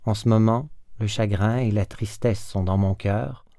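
A man's voice: fairly low pitch, steady tone, a little slow, mellow, no echo, clean studio sound. A man voicing a sorrowful young woman in a storybook reading, humble and resigned.

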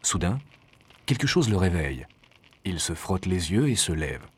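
Low, expressive male storyteller. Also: slightly rough. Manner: expressive, measured reading. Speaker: narrator. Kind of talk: storybook narration.

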